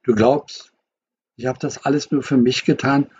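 A man reading the part of a wounded middle-aged mother with a soft, gentle voice, defensive and reproachful. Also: mid-range voice, fairly even intonation, moderate pace, muffled recording, a little hiss or hum, close to an everyday voice.

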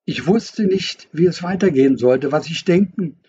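A man reading a first-person novel aloud as an audiobook narrator, calm and measured. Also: fairly high pitch, muffled recording, slight background noise.

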